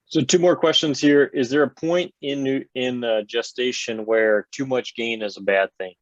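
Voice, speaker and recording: Casual Texan moderator, dull dry audio. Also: male voice, mid-range voice, steady tone, moderate pace, no room sound. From Texas. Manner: casual, fills with "you know" and "I mean". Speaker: webinar moderator. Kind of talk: moderating a webinar Q&A.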